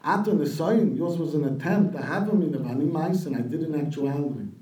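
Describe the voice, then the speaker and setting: A man's voice: fairly high pitch, a little fast, mellow, echoey room, far from the mic, poor audio. A man giving a sermon, retelling a midrash and translating Hebrew quotes as he goes. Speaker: rabbi giving a talk.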